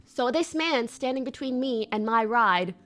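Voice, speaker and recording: A woman streamer telling a story in casual chat to her viewers, animated and slangy, laughing often and swearing now and then. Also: on the high side, unhurried.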